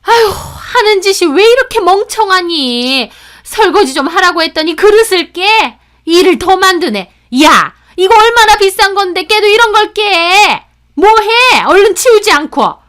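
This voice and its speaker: A woman voicing a harsh, bossy older future mother-in-law who scolds and yells shrilly. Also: high voice, moderate pace, pitched above the performer's own voice, natural voice. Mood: furious.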